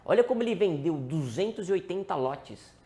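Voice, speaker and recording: A man's voice: sits high, lively intonation, normal speed, warm tone. A man with a Brazilian Portuguese accent teaching day trading in a live-streamed lesson, asking and answering his own questions and calling out to his viewers.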